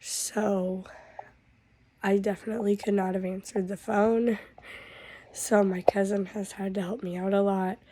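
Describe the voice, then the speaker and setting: A woman vlogger whose voice is hoarse and rough from a cold, and she sounds stuffed up and drowsy. She talks slowly in a flat, mellow tone. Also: mid-range voice, slight background noise. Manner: drawn-out, weary talk with a cough. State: hoarse from losing her voice. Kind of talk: casual vlog update.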